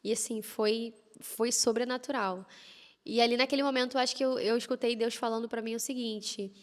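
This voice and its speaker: A woman telling a personal faith story in casual conversation, animated and lively as she acts out what people said. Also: a little high, fairly quick, big-room sound. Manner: animated, lively retelling with quoted prayers and laughs. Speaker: guest telling a personal testimony.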